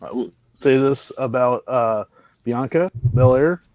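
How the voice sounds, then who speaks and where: A man's voice: mid-range voice, a little slow, dry recording, highs cut off. A man co-hosting a podcast, rambling in casual chat and often trailing off. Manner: rambling, trails off, drops his voice. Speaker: podcast co-host.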